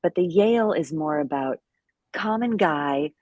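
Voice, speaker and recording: A woman's voice: sits low, animated, measured pace, darkish tone, no room sound. A woman co-hosting a live language lesson, chatting casually with many fillers and little self-deprecating laughs. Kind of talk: casual live-stream teaching chat.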